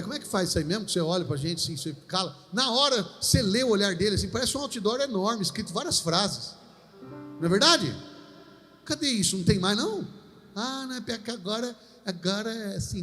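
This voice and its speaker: Lively preacher, high-pitched man. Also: in a large hall. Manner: animated storytelling, acts out dialogue. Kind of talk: lively sermon.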